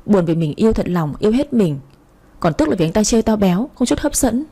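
A woman's voice: medium pitch, expressive, fairly quick, dark tone, breathy edge. A woman voicing a heartbroken young woman who whines plaintively to her friend. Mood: hurt.

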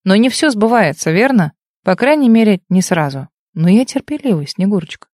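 Woman reading a sarcastic wealthy young man, cold, dry, mocking, audiobook, mid pitch, dry close recording. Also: big pitch swings, normal speed, darkish tone, no echo. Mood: menacing.

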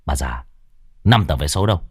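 A man voicing a brutal, greedy grown son in a ghost story, with a gruff, menacing delivery. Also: a bass voice, animated, normal speed, a little mellow, no room sound, studio quality, pitched below the performer's own voice, full character voice.

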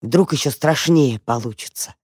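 A woman's voice: low voice, big pitch swings, normal speed, darkish tone, breathy edge, no room sound, full character voice. A mischievous young mouse wonders aloud in a sly, eager tone, as a woman reads him in a storybook. The voice stays near her own, close and dry.

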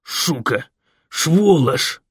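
A boisterous bearded biker, put on by a male narrator, bellowing in a raised, strained voice with a thick toothless lisp. He drags his words out slowly and shouts them. The dry, close sound adds no room around him. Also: on the high side, expressive, no echo, pitched above the performer's own voice, heavily acted. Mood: agitated shouting. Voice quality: lisping, mushy toothless speech.

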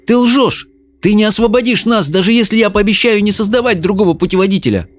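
A man's voice: sits high, very animated, moderate pace, dry recording, pitched above the performer's own voice. A frightened boy trying to sound brave, his voice raised and trembling, voiced by a male narrator. The tone is tense and pleading in this audiobook. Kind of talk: audiobook character voice.

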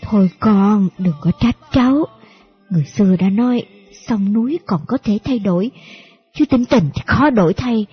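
A woman's voice: mid-range voice, normal speed, breathy edge. A woman voicing a tearful, doting old grandmother, fussing and repeating herself in an audiobook. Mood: gentle scolding. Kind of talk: audiobook character voice. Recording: dull lo-fi audio with faint music.

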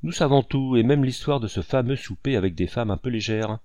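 A man reading an audiobook and voicing a composed, gently ironic young lady of the house. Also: mid-range voice, fairly quick, dry recording, lightly acted. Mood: poised.

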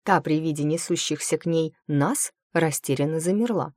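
Low-voiced woman reading a fantasy audiobook. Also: normal speed, no echo, clean studio sound. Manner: lively, expressive storytelling. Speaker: audiobook narrator.

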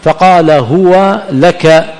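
Posing questions to his class and answering them himself, a hadith and grammar teacher lectures in a reverberant hall at an Islamic study center. His fairly high, somewhat mellow voice draws out words. The recording has a long hall reverb and faint room ambience.

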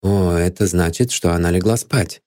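A man reading a calm, stern detective. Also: low voice, dry recording, studio quality, natural voice. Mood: measured. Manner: calm and measured. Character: patient, stern male detective.

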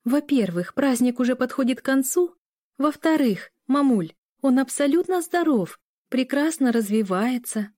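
An exasperated young bride, voiced by a woman reader, higher and brighter than the narration, with sharp, snappy retorts. The reading is close and dry, like a storybook audiobook. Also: animated, normal speed, no room sound.

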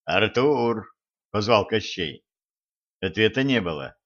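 A man reading an audiobook aloud, acting out the dialogue with lively shifts in loudness. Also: medium pitch, moderate pace, dull audio. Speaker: audiobook narrator. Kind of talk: audiobook reading with character voices.

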